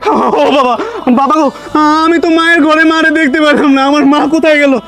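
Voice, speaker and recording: A man's voice: very high-pitched, steady tone, a little fast, fairly bright tone. A young man, playing a distraught son who pleads over and over and then wails for his dead mother. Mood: desperate pleading. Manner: pleading, wailing, repeating himself. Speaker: actor in a short drama. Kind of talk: melodramatic drama acting.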